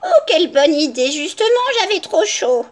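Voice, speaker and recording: A woman voicing a gentle but sly old grandmother in a children's story, soothing and sweetly delighted. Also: high-pitched, sing-song, moderate pace, pitched above the performer's own voice. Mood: sugary. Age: older. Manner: soothing, sugary, falsely delighted.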